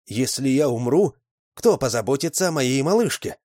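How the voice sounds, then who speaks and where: A man's voice: medium pitch, very animated, a little slow, a little mellow, no room sound, studio quality, voice pushed up. A man voicing a timid, anxious young father in a storybook. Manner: timid, worried.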